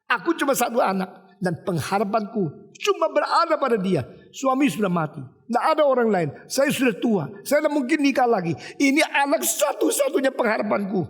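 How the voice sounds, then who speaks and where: Guy doing a sad old widow voice, way higher, hopeless and pleading. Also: very animated, fast talker, big-room sound, full character voice. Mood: despairing. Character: grieving older widow, desperate and inconsolable.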